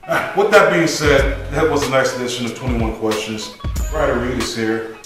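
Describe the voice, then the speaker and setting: A man's voice: mid-range voice, moderate pace, fairly bright tone. A man hosting a casual podcast chat, asking questions and joking with guests, laughing often. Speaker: podcast host. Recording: roomy echo, heard from a distance, music behind. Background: music.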